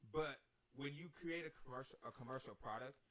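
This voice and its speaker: A man's voice: mid-range voice, a bit bright. Rambling man in casual podcast chat. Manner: fast, rambling, many restarts. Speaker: podcast host.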